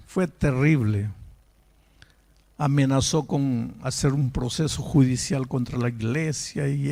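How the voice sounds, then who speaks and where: A man's voice: medium pitch, vocal fry, a little mellow. A male pastor preaching in a dramatic storytelling manner, acting out the voices in his story and building to emotional peaks. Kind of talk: sermon storytelling.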